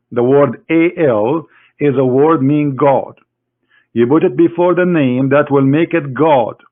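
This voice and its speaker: The man's voice sits on the high side and sounds tinny, as through a phone. In a mocking screen-share lecture, this religious critic addresses his opponent head-on with scorn and sarcasm.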